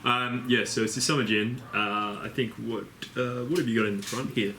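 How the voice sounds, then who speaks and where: A man's voice: mid-range voice, fairly even intonation, moderate pace, sharp tone. A young man co-hosting a casual podcast, easygoing and chatty, with a slight lisp from braces. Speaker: podcast co-host. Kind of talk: casual chat. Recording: echoey room with faint noise.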